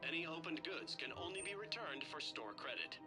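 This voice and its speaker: Store announcer over the shop loudspeaker: polished, even sales pitch, raised pitch, game music underneath. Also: male voice, brisk. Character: male store announcement voice on a space station. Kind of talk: video game ambient dialogue.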